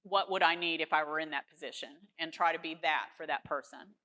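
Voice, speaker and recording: Bright-voiced woman host summing up. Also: deep voice, a little fast, poor audio. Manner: reflective, summarizes and clarifies points. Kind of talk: casual panel discussion.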